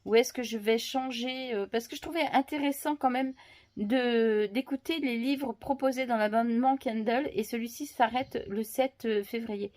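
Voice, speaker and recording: A woman's voice: on the high side, normal speed, a little mellow. A woman in a casual home book vlog, talking with many fillers and restarts, and speaking fondly to her dog between thoughts. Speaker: book vlogger.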